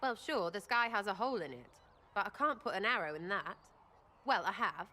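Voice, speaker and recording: A woman's voice: medium pitch, lively intonation, fairly quick, sharp tone. Cheeky crude archer girl from a game, mouthy, voice bouncing all over. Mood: flippant. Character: irreverent young woman archer, mercenary and blunt. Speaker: companion character in a video game.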